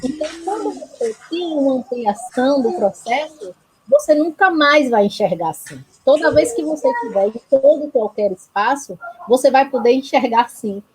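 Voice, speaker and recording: Casting: woman, Bahian Brazilian accent, raised pitch, husky tone, earnest conversational host delivery. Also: lively intonation, normal speed, a little mellow, low-quality recording. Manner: earnest, frequent tag questions seeking agreement. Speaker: panel host, health project institutional supporter. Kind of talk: reflective conversational talk.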